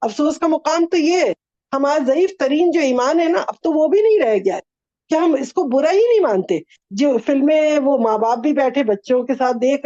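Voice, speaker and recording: A woman with a high, mellow voice gives an earnest religious talk, asking her listeners one rhetorical question after another. She mixes English words into her speech. The recording is dull and lo-fi. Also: no echo. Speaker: religious speaker.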